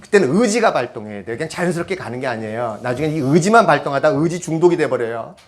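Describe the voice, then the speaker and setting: A man's voice: a little high, animated, quick pace. A man giving a public lecture on parenting, speaking conversationally and often asking the audience rhetorical questions. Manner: switches to half-banmal, conversational asides.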